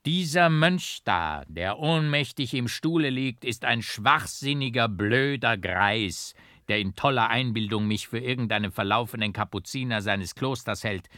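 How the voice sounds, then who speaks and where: A man's voice: medium pitch, expressive, measured pace, a bit bright, dry recording. A man voicing an accused man who protests his innocence in an agitated, emphatic way, recorded dry. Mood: defiant. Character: accused man, proud and desperate.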